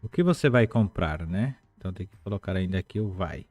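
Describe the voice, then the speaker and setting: A man teaching a live online language lesson, explaining patiently and repeating words slowly, with chatty asides to viewers. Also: low voice, lively intonation, a little mellow, dry recording, soft background music.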